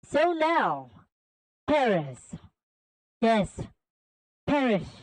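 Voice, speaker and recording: A woman voicing a cold, menacing male villain who calls everyone a worm, making slow, grandiose threats that break into frantic stammering. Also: a little high, sing-song, darkish tone, exaggerated voice, poor audio.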